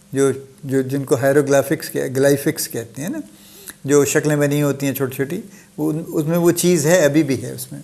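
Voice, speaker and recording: A middle-aged man gives a solo talk in a casual lecture manner. His voice sits somewhat high for a man, and he mixes English phrases into his explanations with easy, unhurried asides. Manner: conversational, mixes English phrases, soft chuckles, restarts. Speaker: host giving a solo talk. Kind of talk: informal lecture-style talk.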